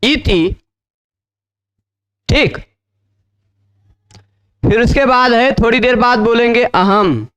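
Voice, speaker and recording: A man's voice: very high voice, slow pace, long pauses, fairly bright tone, clear, resonant tone. A man teaching Sanskrit grammar in a lecture, explaining step by step, repeating key phrases and asking checking questions.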